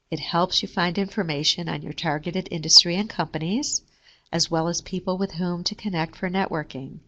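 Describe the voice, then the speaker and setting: A woman reading a scripted careers lesson in a steady, measured way. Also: lowish voice. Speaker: career services presenter. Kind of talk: scripted instructional narration.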